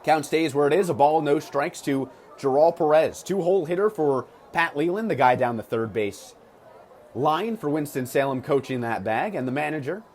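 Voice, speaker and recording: Clear ballpark noise fills the background as an American radio play-by-play man calls live baseball. His voice is a little high and slightly mellow, expressive, at normal speed, alternating clipped, punchy calls with asides full of stats.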